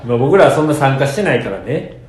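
A man's voice: mid-range voice, sing-song, fast. A young man, co-hosting a casual podcast chat with polite replies and dry quips. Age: young adult. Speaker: podcast co-host, comedian. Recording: echoey room.

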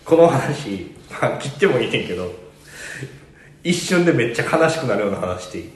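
A man with a Kansai accent chats on a podcast, telling a long story with a lively, swinging pitch. He talks quickly and laughs often. His voice rings in an echoey room. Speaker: podcast co-host. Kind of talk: casual chat.

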